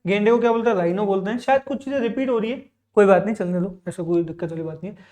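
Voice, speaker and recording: Racing along in a high voice with a darkish tone, a male English teacher gives a vocabulary lesson. He poses his own questions, drills the answers repetitively, and explains patiently while checking in often.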